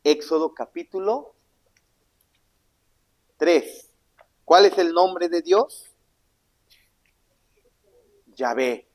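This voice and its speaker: Spanish-speaking pastor swinging loud to hushed. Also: male voice, very animated, extremely slow, long pauses. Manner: dramatic swings between loud emphatic questions and low hushed asides; asks the congregation questions and answers them himself. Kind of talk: sermon Bible teaching.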